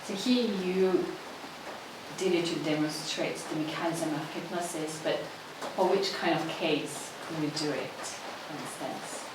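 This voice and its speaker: A woman student asking questions in an informal discussion, phrasing them haltingly and carefully. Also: sits low. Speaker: workshop student. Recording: distant, very echoey, loud background noise.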